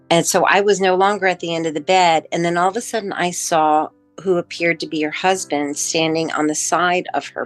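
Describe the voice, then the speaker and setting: Middle-aged woman, deep-set voice, unhurried, heartfelt personal testimony, dry close sound with soft music behind. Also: dry recording. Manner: emotional, halting with pauses and fillers. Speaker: near-death experience witness.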